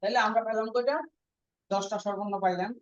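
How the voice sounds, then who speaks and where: A woman's voice: medium pitch, steady tone, quick pace, no room sound. A woman teaching a language class, repeating each point and quizzing her students with frequent questions. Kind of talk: classroom lesson. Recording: dull lo-fi dry recording.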